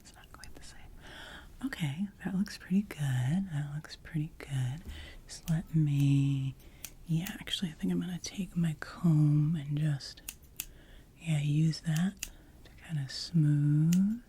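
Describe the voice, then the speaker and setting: A woman performs a whispered role-play as a hairdresser, close to the microphone. Her whisper is low, breathy and mellow, with a very unhurried pace. She soothingly repeats short phrases in an ASMR style. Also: a little hiss or hum. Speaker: ASMR creator playing a hairdresser.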